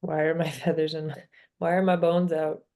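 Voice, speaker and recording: A woman's voice: sits low, level tone, moderate pace, a little mellow. A woman with a Canadian accent playing in a tabletop game, joking and laughing often. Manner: playful, laughs a lot, joking. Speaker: player. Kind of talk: casual chat at a game table.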